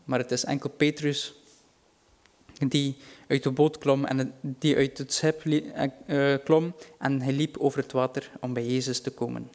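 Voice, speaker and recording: Guy giving a sermon, earnest and reassuring, gets louder on the big lines. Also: mid-range voice, fairly even intonation, normal speed. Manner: earnest, reassuring, rises in volume for dramatic quotes. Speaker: preacher.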